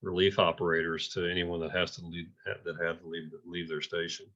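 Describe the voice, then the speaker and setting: With a low voice and a bright, forceful yet level tone, a man gives an informal report at an amateur radio club meeting. He stumbles along hesitantly, repeating words often, captured on dull, muffled audio.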